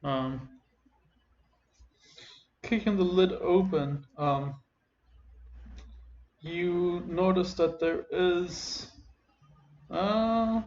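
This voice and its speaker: A man runs a tabletop game, describing the scene in a relaxed, halting way full of pauses. His voice sits somewhat high for a man. The recording is roomy and dull, like low-fi online voice chat. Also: slight background noise. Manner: casual and halting, many fillers. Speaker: game master.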